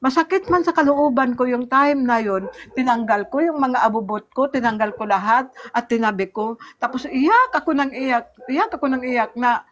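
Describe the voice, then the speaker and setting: Woman with a fairly high voice, giving an earnest church testimony and replaying past conversations. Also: animated. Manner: earnest storytelling, often pauses and restarts; replays remembered dialogue in a raised voice. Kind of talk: personal faith testimony in conversation.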